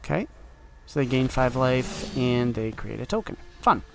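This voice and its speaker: A man's voice: mid-range voice, lively intonation, normal speed, creaky, a bit bright, slight background noise. A man giving casual commentary while playing a card game, thinking aloud in an offhand way.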